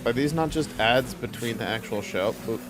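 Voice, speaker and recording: A man's voice: medium pitch, moderate pace, over music. A man giving casual live reaction commentary as a streamer watching a game showcase.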